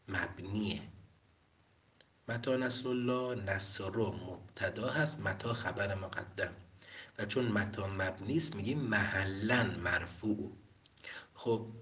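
A man giving a grammar lecture, reading short lines and then breaking them down patiently one step at a time. His voice sits low, and he sounds a little distant from the microphone. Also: a bit bright. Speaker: Arabic grammar teacher. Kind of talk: classroom lecture.

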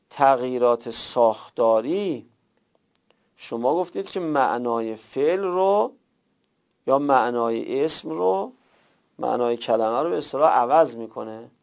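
A man's voice: mid-range voice, darkish tone. A man teaching a class, explaining step by step with worked examples and rhetorical questions. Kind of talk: classroom lecture. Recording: dull lo-fi recording.

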